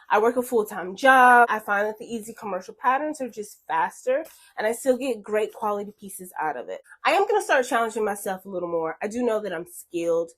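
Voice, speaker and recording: Woman, sewing vlogger, casual chatty delivery, fairly high voice, breathy and stuffy-nosed. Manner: chatty, upbeat, talks to viewers as friends. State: out of breath and congested. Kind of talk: casual chat to camera.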